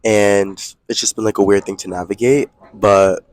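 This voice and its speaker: A man's voice: fairly low pitch, steady tone, moderate pace, a little mellow, no room sound, studio quality. A young American man co-hosting a podcast in casual, gossipy, slangy chat full of exclamations. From US East Coast, Connecticut. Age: young adult. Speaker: podcast co-host. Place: aboard a moving train. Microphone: close podcast microphone.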